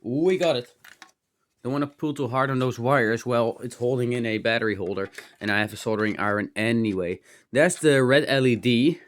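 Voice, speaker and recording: Indoors in a cluttered room at home, the host of a hobby electronics teardown video gives casual hands-on commentary, rambling and thinking aloud with muttered asides and mild exclamations. His mid-range voice is fairly quick, with a slightly dry, strained throat.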